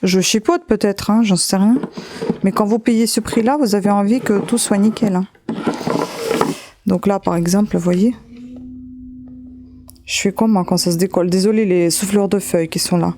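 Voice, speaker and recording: A woman's voice: mid-range voice, normal speed, long pauses, mellow, slight background noise. A woman vlogging casually as she unboxes a gift, chatting to viewers with many fillers and restarts. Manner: talks straight to viewers while handling an object. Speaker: beauty vlogger.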